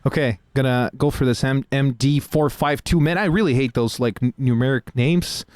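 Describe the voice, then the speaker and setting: A man hosting a stream, commenting on his game in an excitable, joking way. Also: mid-range voice, normal speed, dry recording, studio quality. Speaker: host playing a game on stream. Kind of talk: casual chat.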